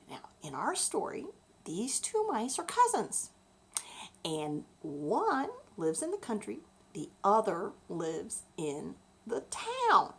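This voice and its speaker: A woman with a husky, low-ish voice tells children a bedtime story. She's expressive and deliberate, explaining things as she goes along.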